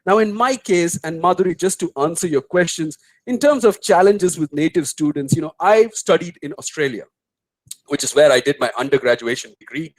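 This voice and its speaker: A middle-aged man with an Indian English accent, speaking as a guest on a webinar and telling anecdotes in an animated way. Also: a little high, a little fast, dry recording, poor audio. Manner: storytelling, animated, mimics voices in anecdotes. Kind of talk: webinar talk answering questions.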